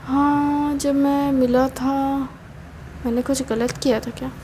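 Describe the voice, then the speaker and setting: Storybook hero, a brooding young man who mutters his doubts aloud and turns curt with friends, voiced by a woman in a high register. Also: flat delivery, takes it slowly, mellow, a little hiss or hum, low-quality recording. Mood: puzzled musing. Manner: muttering to himself, then curt and cold.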